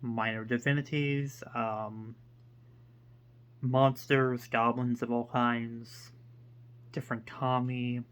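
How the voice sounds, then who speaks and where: A man hosting his own book channel, talking casually to the camera in a hesitant, rambling way with many pauses and fillers. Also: medium pitch, level tone, a bit bright, clear, resonant tone. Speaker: book reviewer.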